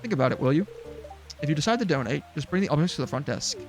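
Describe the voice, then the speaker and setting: A man's voice: medium pitch, steady tone, rapid-fire, soft background music, lightly acted. A man voicing a polite, eager male museum curator in a put-on accent that drifts toward British. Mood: eager, curious.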